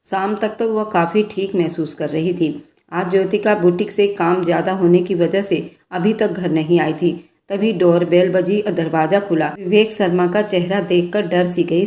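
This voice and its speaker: Soft-voiced woman reading a love story. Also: lowish voice. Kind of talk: romantic bedtime story narration. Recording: echoey room.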